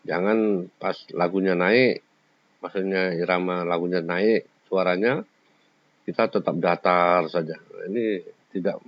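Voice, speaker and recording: Man, teacher, very deep voice, explains step by step, slightly muffled recording. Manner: explains step by step, sings short examples. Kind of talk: classroom lecture. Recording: slightly dull lo-fi sound.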